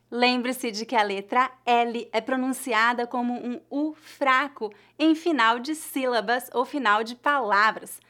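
A woman's voice: fairly high pitch, a bit bright. Brazilian woman teaching pronunciation. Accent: Brazilian Portuguese. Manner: clear, deliberate, slows down to model words. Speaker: language teacher. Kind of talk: scripted pronunciation lesson.

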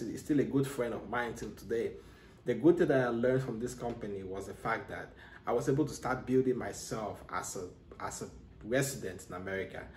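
In his solo podcast, a man from Cameroon speaks earnestly to listeners, offering motivation and frequently starting sentences over. The voice is medium in pitch and a little mellow, with clear room echo.

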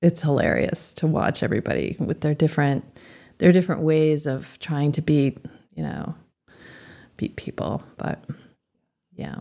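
A woman's voice: sits low, very animated, unhurried, vocal fry, mellow. A middle-aged woman in a casual conversation, chatting in a rambling way and laughing often. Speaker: guest.

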